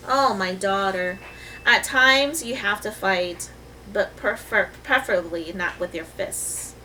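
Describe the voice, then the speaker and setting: Woman doing a wise gentle storybook mother, calm, reassuring, slightly distant mic, faint hiss. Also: medium pitch, slow. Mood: tender.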